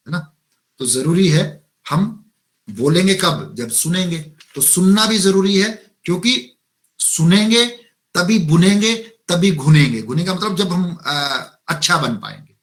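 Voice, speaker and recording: A man's voice: fairly high pitch, a bit bright. A man with an Indian accent giving a motivational lecture in an online webinar, listing points and often checking in with listeners. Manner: lecturing, mixes English terms and lists, frequent "है ना?" tag. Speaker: webinar resource speaker. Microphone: video call.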